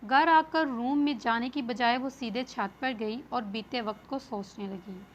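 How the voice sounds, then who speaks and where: A woman narrates a novel in a steady, read-aloud storytelling manner. Her voice is high. The recording is dull and lo-fi, with a faint hiss behind it. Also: measured pace. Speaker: novel reader.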